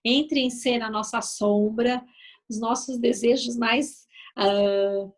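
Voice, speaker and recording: A woman's voice: fairly high pitch, fairly even intonation, slow pace. A woman with a Brazilian accent, a mother of three, giving a conversational talk at an event about family communication. She acts out sample phrases and often checks in with "né?". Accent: Brazilian Portuguese. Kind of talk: live talk to an audience. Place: event venue.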